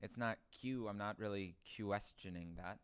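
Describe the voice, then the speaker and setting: Man, podcast co-host, deadpan puns, lowish smooth voice, casual banter. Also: normal speed. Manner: deadpan punning. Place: dining room.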